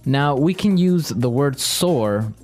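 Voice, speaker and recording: A man's voice: mid-range voice, animated, slow pace, a little mellow, soft background music. A man teaching vocabulary conversationally, repeating key words and checking with short questions. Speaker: host and English teacher.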